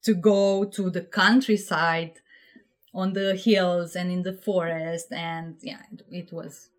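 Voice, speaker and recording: With a fairly low pitch and level tone, this slow-speaking woman from Romania talks casually as a guest on a podcast, where she works as a project management officer. Warm and giggly, she laughs often, uses frequent fillers and keeps restarting.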